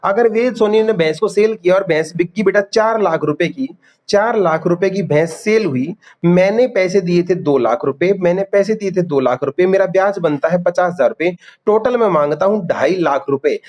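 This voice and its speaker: Speaking in a high, somewhat mellow voice, a male teacher runs an online lecture, drilling key terms and quizzing students for quick answers while calling them "beta."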